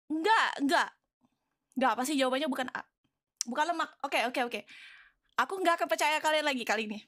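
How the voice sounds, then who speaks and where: A woman streamer, chatting excitably and stammering in flustered repeats as she reacts to viewers. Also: high-pitched, fast talker, dry recording, studio quality. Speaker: VTuber streamer. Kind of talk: live game stream chat, reacting to viewers.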